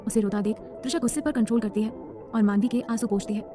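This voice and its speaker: A woman's voice: on the high side, fairly even intonation, quick pace, music in the background. A woman narrating a serialized romance story in a scripted storytelling style.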